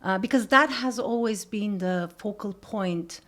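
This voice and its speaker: A woman's voice: medium pitch, unhurried, a bit bright. A woman from Turkey, a guest artist in a casual interview, speaking hesitantly with many ums and uhs. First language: Turkish.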